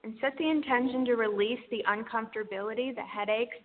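A woman's voice: on the high side, steady tone, quick pace. Woman healer on a tinny, hissy line. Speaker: energy healer guiding a caller. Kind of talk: guided spiritual healing session. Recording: tinny phone-like line with hiss.

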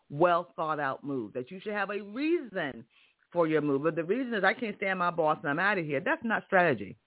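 This career podcast host has a strong but high voice and gives an emphatic, motivational monologue that leans heavily on rhetorical questions. The recording has a thin, phone-like quality.

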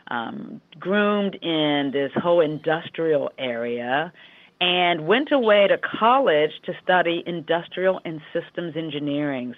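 Appearing as an interview guest, a leadership consultant and coach from Western Pennsylvania talks in a conversational manner. Her low-pitched American voice is a bit froggy, heard over a dry, tinny phone line with no echo.

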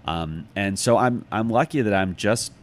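A middle-aged American man from Chicago speaks casually as an interviewed author, reflective and thinking aloud. His voice sits on the low side at a normal speed, and the background is clearly noisy.

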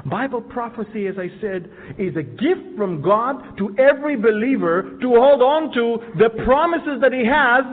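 High-voiced Israeli-born man preaching in a hall. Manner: building from quiet to loud, emphatic preaching. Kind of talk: sermon on Bible prophecy. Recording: tinny phone-like sound with long hall reverb.

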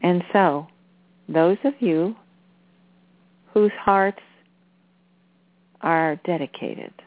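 Slow, low-voiced woman, phone-like sound. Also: no room sound. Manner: unhurried, deliberate, with halting phrases. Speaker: spiritual channeler and teacher. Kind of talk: channeled spiritual message. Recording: phone-like narrow-band sound.

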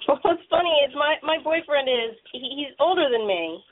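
A woman around thirty, co-hosting a casual chat in a relaxed way and laughing easily. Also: sits high, moderate pace, a little hiss or hum. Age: 30s. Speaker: podcast co-host. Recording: tinny phone-like line.

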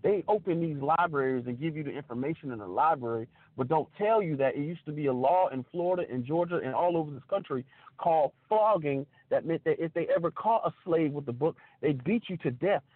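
A man's voice: fairly high pitch, slightly rough. A man speaking in an impassioned, preacher-like way, building up emphatic statements. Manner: emphatic, rising, preacher-like delivery. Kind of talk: impassioned preaching-style talk. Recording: tinny phone-line sound.

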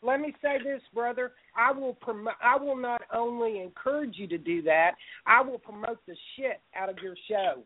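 A woman's voice: a little high, normal speed, hardly any pauses. A woman hosting a call-in talk show, blunt and emphatic, with some profanity. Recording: tinny phone-like audio.

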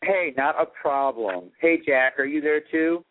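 A man's voice: fairly high pitch, animated, unhurried. Chatty man calling in over the phone. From Florida. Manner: chatty and effusive. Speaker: caller. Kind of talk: radio call-in chat. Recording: tinny phone line.

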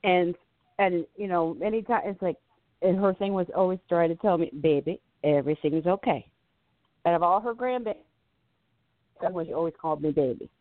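A chatty woman hosting a spiritual radio show, her voice a touch low and heard over a tinny phone line. The sound is dry and close. She talks in long, easygoing stories and laughs often. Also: fairly quick, dry recording. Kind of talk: casual spiritual talk radio chat.

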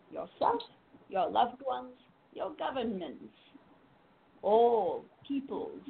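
Woman channeling a slow, serene seance-medium spirit guide. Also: on the high side, creaky, full character voice. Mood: serene, solemn. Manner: measured, formal phrasing with drawn-out pauses and endearments. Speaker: trance channeler and spiritual medium hosting a call-in show. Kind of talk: seance medium channeling, solemn spiritual address with live callers. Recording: muffled lo-fi audio with faint noise.

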